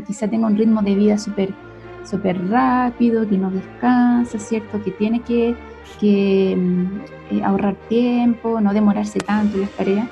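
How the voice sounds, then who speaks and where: A young Chilean speech therapist gives an explanatory lesson in a conversational style, often tagging sentences with a questioning "ya?" or "cierto?" to check on listeners. Her voice is medium-pitched, creaky, and mellow, and the lo-fi recording is dull with faint music.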